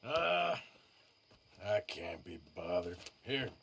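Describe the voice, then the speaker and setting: A gruff outlaw from a video game, middle-aged and weary. He talks in short, dry, sardonic lines. His pitch still swings widely between them. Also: very animated, slow pace, a bit bright, slight background noise, heavily acted. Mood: wry. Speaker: game character. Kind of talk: video game cutscene acting.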